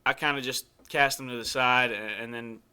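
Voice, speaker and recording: A young man hosting a casual interview, easygoing and halting, with frequent fillers and restarts. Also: medium pitch, steady tone, pushed and bright, clear, resonant tone. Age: young adult. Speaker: host.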